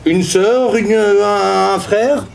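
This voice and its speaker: A man's voice: high-pitched, very slow, vocal fry, a little hiss or hum. A man hosting an improv show on stage, joking with the audience as he gathers their suggestions. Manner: playful, animated, jokes with the crowd. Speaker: improv performer. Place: theater stage.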